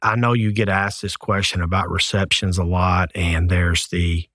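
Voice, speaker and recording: A man's voice: sits low, little pitch movement, normal speed, a bit bright, no echo, studio quality. A man co-hosting a talk show, asking straightforward questions and announcing breaks. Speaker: co-host.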